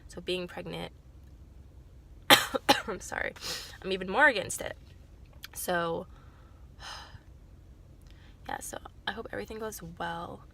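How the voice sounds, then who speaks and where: Stuffed up and nasal from a cold, a young woman vlogs to camera in a loose, rambling way, full of fillers and corrections of herself. Her lowish voice is gravelly yet bright and forceful, slow, with frequent pauses.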